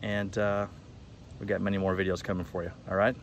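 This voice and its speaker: A man's voice: low voice, flat delivery, brisk. A man in his thirties giving a casual, emphatic explainer to camera as a cycling instructor and host. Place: outdoors among trees. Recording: faint outdoor ambient noise.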